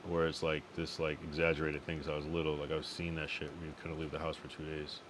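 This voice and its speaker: Talking fast in a bass voice with completely flat delivery, this young East Coast man, from Connecticut and Massachusetts, hangs out on a late-night stream. His chat is relaxed, loose and full of swearing, and he tends to say things twice. Background noise is audible.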